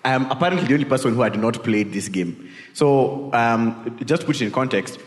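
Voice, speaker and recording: This Kenyan man's expressive, medium-pitched voice moves at a moderate pace through an informal, story-driven sermon laced with tag questions and Swahili remarks. He speaks in a large indoor hall whose reverb lingers long in the recording.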